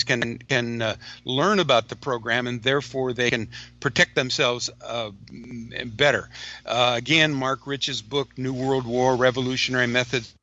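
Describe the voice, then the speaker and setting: A man from the United States calling in as a guest, his audio glitching and breaking up, talking haltingly and often restarting his phrases. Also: mid-range voice, sharp tone. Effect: glitchy phone line that keeps breaking up. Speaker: guest caller. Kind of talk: call-in interview. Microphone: phone line. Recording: dull lo-fi call audio.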